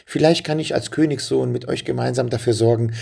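A man voicing an eager, warm-hearted boy prince in a storybook reading, talking quickly in a raised, excited voice. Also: medium pitch, gravelly, husky, pitched above the performer's own voice. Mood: grateful.

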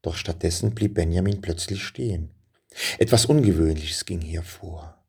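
A man reading a children's story aloud in a lively, dramatic way, dropping to hushed passages. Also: deep voice, normal speed, gravelly, husky.

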